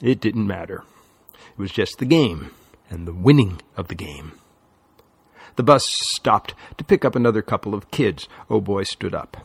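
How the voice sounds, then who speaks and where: Gravelly guy reading an audiobook, measured, super dry close sound. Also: fairly low pitch, lively intonation, no room sound. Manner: measured storytelling. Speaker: audiobook narrator. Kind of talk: scripted narration.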